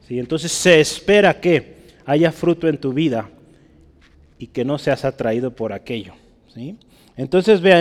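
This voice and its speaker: Man preaching in a reverberant church. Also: on the high side. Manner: teacherly, often checks with the congregation. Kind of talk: sermon, Bible teaching. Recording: church hall with long reverb.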